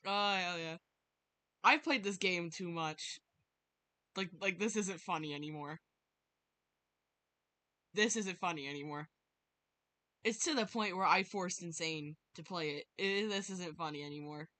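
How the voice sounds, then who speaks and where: This woman streams a visual novel, rambling dramatically, startling easily, and occasionally narrating the story text. Her voice sits on the low side and is bright and forceful, unhurried with long pauses, and the recording has no echo.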